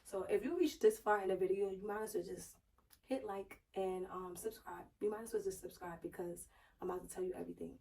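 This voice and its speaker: Female vlogger, hoarse and strained as if recovering a lost voice, mid pitch, casual explainer delivery, slightly off-mic. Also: fairly quick, mellow, far from the mic, slight background noise, low-quality recording. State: hoarse, strained voice just back after losing it, sore throat. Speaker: YouTube vlogger. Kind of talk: casual personal finance vlog.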